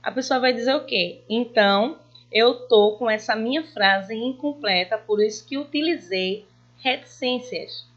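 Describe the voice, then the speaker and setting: Woman, primary school teacher; unhurried, patient, stretches out her examples; slightly muffled recording. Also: on the high side. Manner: slow, patient, reads examples with drawn-out emphasis. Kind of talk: online lesson for children.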